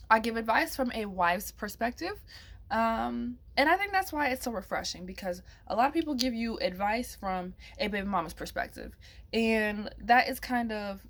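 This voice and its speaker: A young adult woman hosting an advice podcast in a casual monologue, chatty and playful with sassy slang asides, her voice slightly hoarse. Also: on the high side, a bit bright. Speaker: podcast host.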